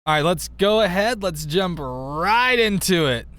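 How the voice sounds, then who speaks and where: A man's voice: high-pitched, expressive, a little slow, fairly bright tone. A man streaming a casual reading of a friend's story, narrating and breaking off with giggly, self-deprecating asides.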